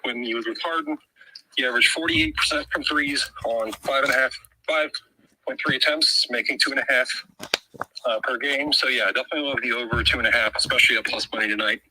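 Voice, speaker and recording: A man's voice: medium pitch, steady tone, fast, pushed and bright, a little hiss or hum, rough recording. A man out of breath, sharing his betting pick in a casual chat. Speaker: guest bettor.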